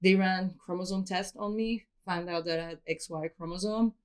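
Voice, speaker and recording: A woman's voice: fairly low pitch, fairly even intonation, normal speed, clear, resonant tone. A woman from Switzerland, a guest in an interview, explaining her story in an open, matter-of-fact way. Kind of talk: candid personal interview.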